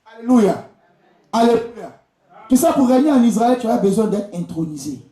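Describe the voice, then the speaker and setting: With a high, warm voice at normal speed, an Ivorian-accented man from Côte d'Ivoire preaches expressively during a live church service. The visiting preacher and prophet exhorts the congregation head-on and keeps repeating key phrases, and the sound echoes through the church hall.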